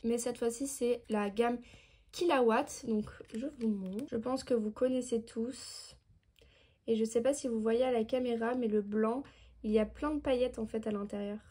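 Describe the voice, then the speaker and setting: A nineteen-year-old beauty vlogger chats her way through a haul video, explaining each product and using plenty of fillers. Her voice is mellow and a little high.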